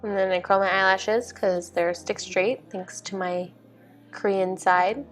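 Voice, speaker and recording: A young woman hosting a vlog chats casually about her makeup routine, her mid-range voice steady in tone and measured in pace. Music plays behind her.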